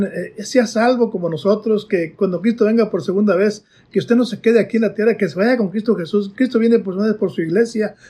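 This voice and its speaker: A man's voice: high voice, warm tone, slightly rough. A man preaching a sermon in an earnest way, repeatedly addressing his listeners as brothers with many fillers.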